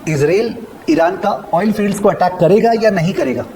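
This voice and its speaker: A middle-aged man lectures on finance with a fairly high voice. He is emphatic and keeps repeating key phrases, dictating them slowly for students to copy down. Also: darkish tone, a little hiss or hum, low-quality recording. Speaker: finance teacher. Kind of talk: classroom lecture mixing Hindi and English.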